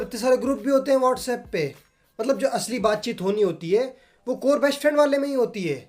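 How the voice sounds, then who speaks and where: A man hosting a reaction video, chatting casually in an exasperated and profane way. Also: very high voice.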